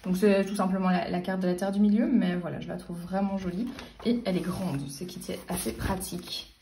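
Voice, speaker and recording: A woman's voice: on the low side, fairly even intonation, a little fast, vocal fry, mellow, recorded from a distance, slight background noise. A woman in her late twenties chatting casually about her book collection, hesitant and full of fillers and restarts. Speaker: book vlogger. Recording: roomy sound, voice a bit off-mic.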